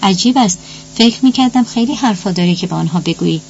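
A woman's voice: medium pitch, lively intonation, a little mellow, lo-fi sound, slight background noise, close to an everyday voice. A woman voicing a frightened mother who pleads and coaxes to save her daughter. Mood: coaxing. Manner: pleading, trembling.

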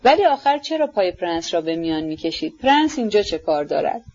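A woman's voice: on the low side, very animated, darkish tone. An elderly general who grumbles his objections under his breath, as a woman narrator puts him on. He sounds offended and disapproving. The audiobook sound is muffled. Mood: indignant. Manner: muttering, indignant.

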